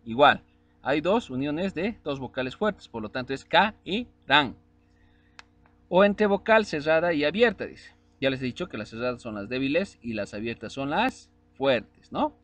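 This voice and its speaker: A man's voice: medium pitch, lively intonation, unhurried, fairly bright tone. A man teaching a spelling lesson, spelling out vowels and syllables one by one and often asking checking questions.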